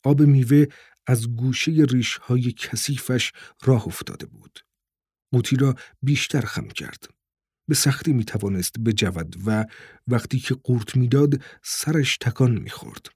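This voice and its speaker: A man narrating an audiobook in a calm, even storytelling manner. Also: mid-range voice, husky, no room sound, studio quality. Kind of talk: scripted narration.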